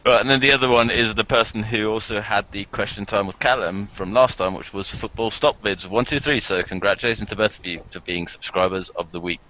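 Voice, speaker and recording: A man with an English accent hosts a casual group video call for his channel, speaking briskly with barely a pause in a fairly low, bright, forceful voice. He rambles with many fillers and laughs often. The call audio is dull and lo-fi.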